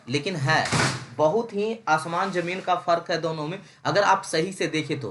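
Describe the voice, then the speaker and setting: A man's voice: high-pitched, a bit bright. A young man giving a recorded engineering lecture, mixing English terms into his talk and checking in with his students often. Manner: repeats "ठीक है" often, reads English lines slowly. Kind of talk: recorded online lecture in Hindi-English mix.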